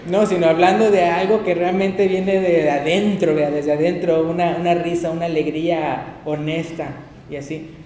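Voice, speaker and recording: A man preaching a sermon, lively, laughing often and acting out little quotes. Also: a little high, moderate pace. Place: church hall. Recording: echoey church hall, faint noise.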